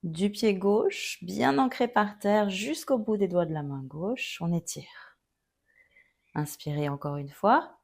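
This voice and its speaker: A woman teaching a yoga class, giving calm, gently guiding cues through each pose. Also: lowish voice, gravelly. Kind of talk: guided yoga instruction.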